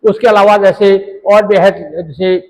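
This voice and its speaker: Male religious teacher with a high voice, rambling instruction in a reverberant room. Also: level tone, measured pace. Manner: rambling, repeats "jo hai" fillers, recites Sanskrit mantras. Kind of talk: devotional instruction.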